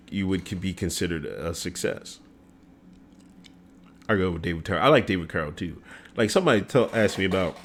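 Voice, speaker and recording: A man's voice: low voice, a little hiss or hum. A middle-aged man hosting a casual livestream, talking loosely with many fillers and frequent laughs. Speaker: show host.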